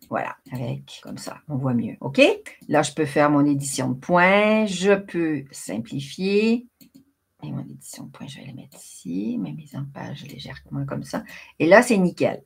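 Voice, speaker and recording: A woman talking through a screen-recorded software tutorial, chatty and thinking aloud as she works. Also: fairly low pitch, gravelly, breathy edge. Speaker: craft software tutorial host.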